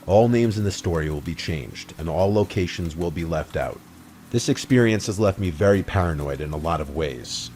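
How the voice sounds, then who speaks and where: Deep-voiced man narrating horror stories. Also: animated, moderate pace, a little mellow, slight background noise.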